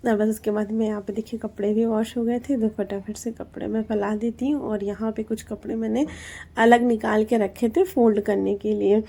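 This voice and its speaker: A woman's voice: fairly high pitch, fairly even intonation, moderate pace, gravelly, dark tone. A woman in her thirties with a Hindi accent, narrating her daily home routine in a chatty voice-over, explaining each step with lots of fillers. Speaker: homemaker vlogger.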